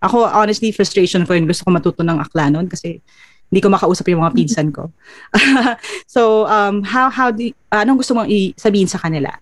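A woman's voice: medium pitch, fairly quick, dry recording. A woman hosting a casual chat, switching between Filipino and English, laughing often and telling stories with energy. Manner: Taglish code-switching, laughs often, lively storyteller. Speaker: host.

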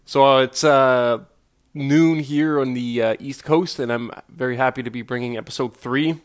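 A man's voice: mid-range voice, fairly even intonation, normal speed. Self-deprecating young man hosting a podcast. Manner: self-deprecating, rambling with fillers. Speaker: podcast host. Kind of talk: casual solo podcast talk.

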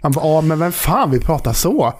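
A man's voice: a little high, big pitch swings. A man co-hosting a podcast, chatty and swearing freely in casual talk. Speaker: podcast co-host. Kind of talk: casual chat.

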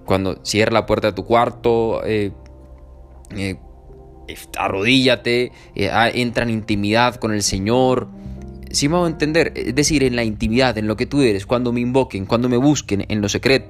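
An earnest male preacher delivers a sermon in a mid-range voice. He lifts his pitch to voice imagined pleas and scripture. Soft music plays faintly beneath him. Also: moderate pace. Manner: earnest, rises in pitch for emphasis and quoted pleas.

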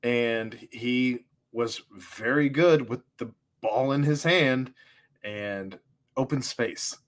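Male host, mid pitch, conversational sports rundown, easy laugh. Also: slow pace. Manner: steers the talk, rundown of college football news, laughs easily. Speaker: podcast host. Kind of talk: casual sports chat.

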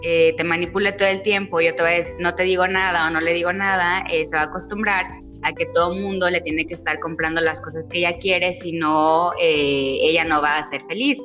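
A woman's voice: on the low side, fairly even intonation, brisk, fairly bright tone, dull audio, soft background music. A woman talking earnestly, retelling conversations to explain her point. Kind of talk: casual chat.

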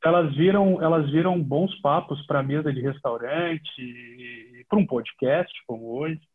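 A middle-aged Brazilian man, a TV sports reporter, chatting relaxed and full of fillers as a podcast guest. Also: fairly high pitch, measured pace. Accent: Brazilian Portuguese. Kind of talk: casual podcast storytelling. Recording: tinny phone-like line.

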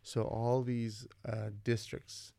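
A man's voice: mid-range voice, slow, creaky, no room sound. A man in his forties, a vice principal from California, telling stories in a casual interview and acting out what people said. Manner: animated, acts out quoted dialogue in his stories. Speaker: vice principal, podcast guest.

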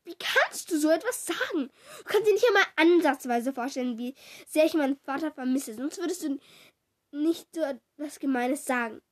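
A woman's voice: high voice, expressive, normal speed. A woman reading a storybook aloud, voicing a whiny, self-pitying schoolgirl who pleads and complains. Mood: indignant. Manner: pleading, whining.

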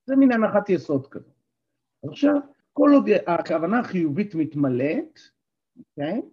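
A man, an NLP coach and therapist, giving an animated workshop talk and asking the group questions. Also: high voice, slightly rough, muffled recording.

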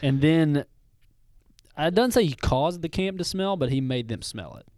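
A young man co-hosting a casual faith podcast, easygoing and quick to laugh, reading Bible verses aloud. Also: a little high, lively intonation, a little mellow, dry recording. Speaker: podcast co-host.

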